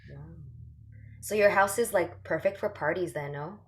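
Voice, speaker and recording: With a fairly low voice at a normal pace, a Canadian woman hosts an online sharing circle, greeting the group casually on a video call. Her manner is upbeat and encouraging.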